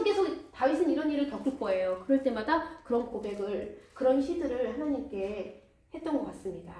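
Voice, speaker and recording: A woman preacher telling a Bible story in a lively way, asking the audience questions, in a church. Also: high voice. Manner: animated, asks the audience questions. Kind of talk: storytelling sermon. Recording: echoey church hall, mic far off.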